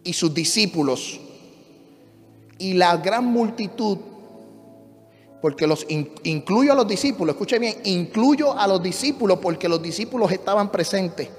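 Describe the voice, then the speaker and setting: A male pastor preaching a fervent sermon in a church, swinging between shouted refrains and hushed teaching. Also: high-pitched, lively intonation, a little slow. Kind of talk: passionate Spanish sermon. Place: church sanctuary. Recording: reverberant church hall with music.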